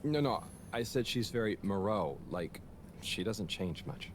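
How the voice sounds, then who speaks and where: A man's voice: fairly low pitch, animated, a little slow. An actor voicing Harold, an earnest, awkward young man who talks hesitantly, with ambient noise behind him. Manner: hesitant, mumbling, self-conscious. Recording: game audio with ambient noise.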